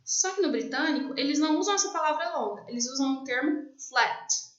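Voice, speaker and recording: A woman teacher with a Brazilian Portuguese accent, explaining a lesson and slowing down to stress key terms. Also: high-pitched, expressive. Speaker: English teacher. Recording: echoey, distant, dull lo-fi.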